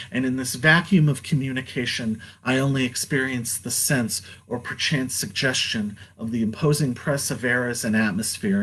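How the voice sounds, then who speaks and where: A man's voice: mid-range voice, breathy edge, poor audio. A man performing spoken-word poetry in a rhythmic, dramatic recitation.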